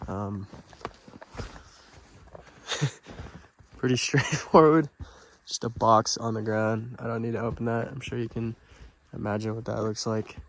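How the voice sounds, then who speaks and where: A man's voice: mid-range voice, fairly even intonation, slow, creaky, pauses often. A man narrating an overnight camping vlog in a casual, informal, understated way. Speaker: vlogger.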